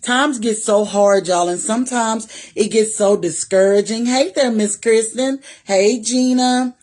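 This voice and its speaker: A woman in her 40s hosts a casual live stream, warmly greeting viewers by name and using Southern "y'all" talk. Her voice is fairly high and a little slow.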